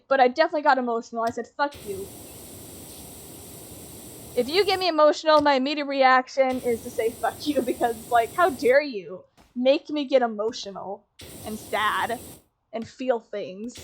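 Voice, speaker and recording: A young woman chats while she plays a game on stream, rambling from one thought to the next and swearing without a second thought. Her voice sits high and bright, and a faint hiss runs under the recording. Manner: rambling, swears freely, laughs things off. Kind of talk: casual chat while gaming.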